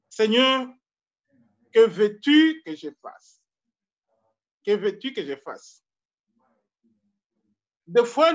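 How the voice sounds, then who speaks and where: A man from Congo, a pastor preaching a sermon slowly and deliberately, repeating his key phrases. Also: very high-pitched, dull audio.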